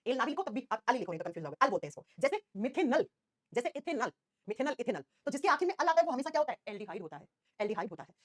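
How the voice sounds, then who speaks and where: Woman teacher, high lively voice, very fast talk, dry close sound. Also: no room sound. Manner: rapid, animated, questioning students constantly. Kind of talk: online class lecture.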